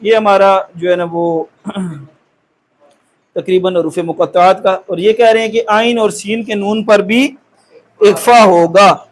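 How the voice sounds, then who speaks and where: A man teaching Quran recitation step by step, patiently checking in with his students and stretching out each syllable slowly as he demonstrates it. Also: high voice, fairly even intonation, slight background noise.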